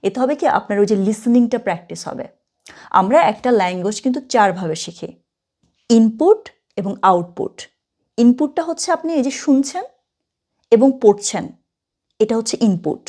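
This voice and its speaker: Woman teaching German, slow and explaining. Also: fairly high pitch, expressive, mellow. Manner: code-switching teacher, checks in with "ঠিক আছে?" often; slows down and spells out German words. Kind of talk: online language lesson.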